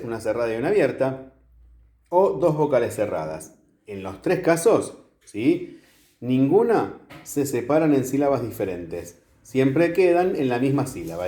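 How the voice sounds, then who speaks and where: A man teaches a grammar lesson in a classroom, filmed by a camera across the room. His voice sits at a middle pitch but moves up and down with a lot of life. He explains each step patiently and keeps checking that the class is following. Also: warm tone. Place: classroom with a whiteboard.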